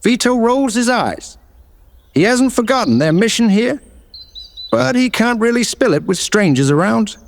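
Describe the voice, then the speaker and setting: High-pitched, very animated man in reverb. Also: measured pace, gravelly. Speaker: player in a tabletop game replay. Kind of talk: scripted narration and character dialogue.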